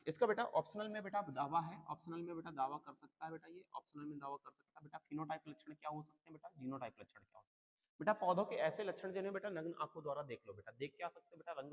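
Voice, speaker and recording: A man's voice: a little high, fast talker, muffled recording. A male teacher giving an exam-prep lecture, calling his students "beta" and repeating key terms over and over. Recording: long hall reverb.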